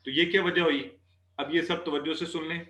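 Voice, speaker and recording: A man teaching an Arabic class, patiently repeating words slowly for students to drill. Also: on the high side, steady tone, fairly bright tone, reverberant. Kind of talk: online class lesson.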